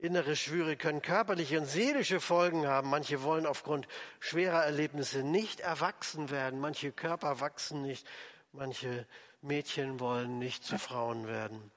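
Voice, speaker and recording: A man preaching a sermon, animated, acting out quoted voices and dropping low and soft for emphasis. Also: unhurried, big-room sound.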